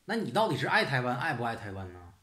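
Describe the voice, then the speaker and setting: A man's voice: medium pitch, big pitch swings, fast talker, pushed and bright. Sarcastic, swearing man in a roomy echo. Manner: rhetorical questions, "是不是" tag. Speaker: channel host. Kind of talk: casual ranting monologue.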